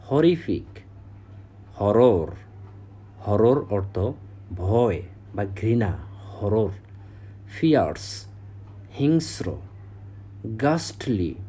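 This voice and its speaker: A man with a Bengali accent teaching English vocabulary, saying each word, giving its meaning and repeating it slowly. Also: lowish voice, warm tone, husky. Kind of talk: slow vocabulary drill.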